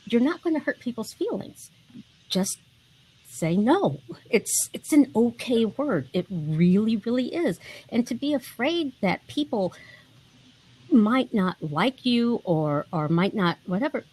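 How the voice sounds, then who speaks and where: A woman's voice: a little high, big pitch swings, a little slow, a little mellow, slightly rough, poor audio. A woman around fifty speaking bluntly and emphatically as a panelist in a casual online discussion.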